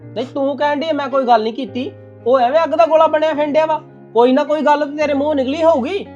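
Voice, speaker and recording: A man acts out a stern young husband in a family drama, reproachful and quick to blame. He speaks rapidly in a high voice. The sound is dull and lo-fi with music behind. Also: steady tone, a little mellow. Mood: scolding. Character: stern young husband scolding his new wife.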